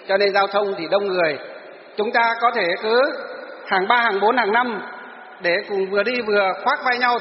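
Brief: man, a teacher lecturing a class, high voice, long hall reverb. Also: slight background noise. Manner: asks students rhetorical questions and answers them. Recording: echoey hall, dull lo-fi.

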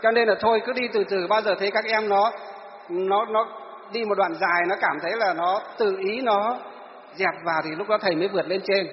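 A man's voice: high voice, slight background noise. A male teacher, lecturing students in class and answering his own rhetorical questions. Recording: echoey hall, dull lo-fi.

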